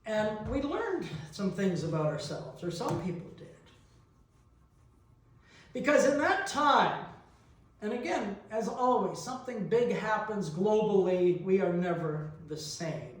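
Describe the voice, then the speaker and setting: Recorded from a distance in a large, heavily echoing church, a middle-aged man from New Brunswick, Canada, delivers a reflective sermon with personal anecdotes. His voice is high-pitched with big pitch swings, and he speaks slowly and deliberately. He leaves long pauses between phrases and poses rhetorical questions.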